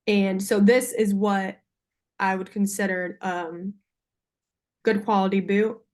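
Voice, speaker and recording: A young woman speaks as a salesperson on a video call, with a medium-pitched voice. Her delivery is informal and slightly hesitant, as she presents to a buyer. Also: steady tone, slow pace, darkish tone. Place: video call with screen sharing.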